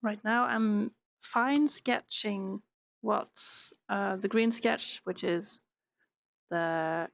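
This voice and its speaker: A native Norwegian woman from Norway streams herself drawing live, chatting casually with viewers and reading the chat aloud. Relaxed, she trails off with fillers while concentrating, speaking extremely slowly in a gravelly mid-range voice on a dry recording.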